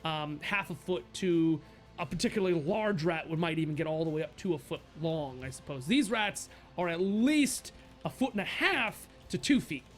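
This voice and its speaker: A man narrating a tabletop role-playing session as game master. He halts often and restarts his sentences. His voice sits high, with faint music in the background. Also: expressive. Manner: halting, full of fillers and restarts.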